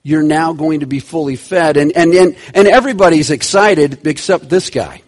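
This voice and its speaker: A man preaching a sermon, animated, swinging between loud and hushed, stretching key words. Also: a little high, normal speed. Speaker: pastor.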